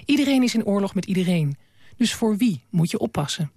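Woman radio host, night show, asks soft questions then reads from a book, breathy voice, dry studio. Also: medium pitch, lively intonation, a little fast, dry recording. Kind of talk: late-night radio interview and reading aloud.

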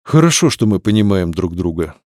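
A man's voice: sits low, sing-song, brisk, a little mellow, no room sound, clean studio sound, voice pushed down. A male narrator voicing a cold, unyielding nobleman who speaks in a clipped, reproachful way. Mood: cold, firm.

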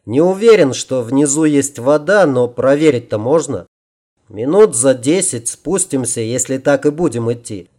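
Man voicing a determined young leader, practical and commanding, dark mellow voice, audiobook. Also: medium pitch, animated, normal speed, close to an everyday voice. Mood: planning.

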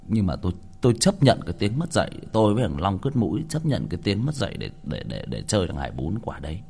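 A man's voice: sits low, very animated, fast talker, gravelly, a little mellow, breathy edge. A man telling a childhood story in a crude, colloquial way. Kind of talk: casual storytelling.

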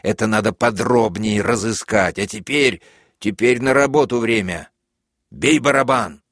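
A man voicing a furious, bullying prison major who screams in shrill outbursts while reading an audiobook. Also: unhurried, fairly bright tone, no echo, studio quality. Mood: hurried commanding.

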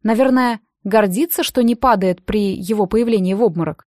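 A woman narrating a first-person audiobook with an even storytelling delivery. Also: medium pitch, normal speed, dry recording, studio quality.

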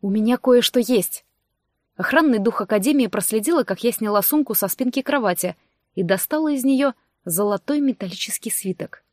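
A woman narrating a first-person fantasy audiobook in a steady, measured way. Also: on the high side, no echo, studio quality.

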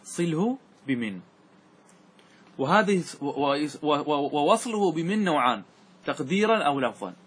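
A man teaching Arabic grammar in a classroom lesson, asking questions and answering them himself, and reciting verse lines slowly. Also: fairly high pitch, expressive, fairly bright tone, slightly rough. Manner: recites verses slowly and stresses each word.

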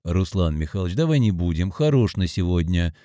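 A man's voice: deep voice, big pitch swings, fairly quick, warm tone, no echo, studio quality. A man voicing a domineering drunk man who turns cruel, speaking coldly and commandingly. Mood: firm. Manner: cold, commanding.

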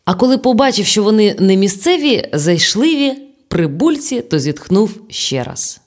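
A woman narrating an audiobook in a lively storytelling manner. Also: medium pitch, normal speed.

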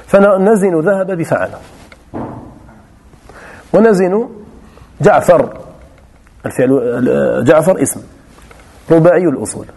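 A man's voice: a little high, dark tone. A man teaching a grammar class who explains step by step and often repeats his key phrases. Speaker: teacher of Arabic morphology. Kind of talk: classroom lesson.

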